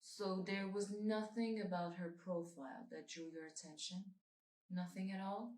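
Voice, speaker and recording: A woman voicing a calm, probing female psychiatrist who keeps pressing her questions. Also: mid-range voice, moderate pace, far from the mic, close to an everyday voice. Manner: cool, insistent questioning. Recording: roomy echo, faint music.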